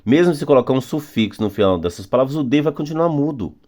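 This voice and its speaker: A man who speaks Portuguese natively, teaching English phonics patiently, slowing down on rules and repeating examples. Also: medium pitch, animated, a little mellow. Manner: patient, repetitive, drawing out key words slowly. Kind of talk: phonics lesson explanation.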